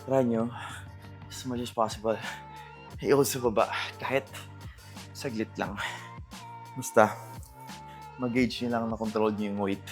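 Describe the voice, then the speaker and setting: Filipino male gym vlogger, lowish voice, casual coaching with English terms, faint music underneath. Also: steady tone, measured pace, pauses often. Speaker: fitness vlogger coaching exercises. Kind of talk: casual workout talk mixing Tagalog and English gym terms. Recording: music behind the voice.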